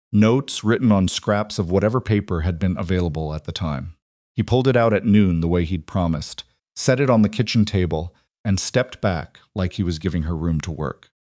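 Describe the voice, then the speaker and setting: Deep-voiced man narrating a story. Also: no room sound, studio quality. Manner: measured, even storytelling. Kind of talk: scripted audiobook narration.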